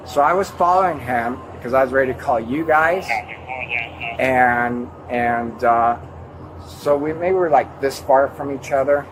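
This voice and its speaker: A man gives his account of an incident to police. His mid-pitched voice moves haltingly through the story, rambling and re-enacting what was said. The body camera audio carries plain noise and vehicle rumble. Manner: halting, rambling, acts out his own quoted words. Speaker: airport airline worker giving a witness account.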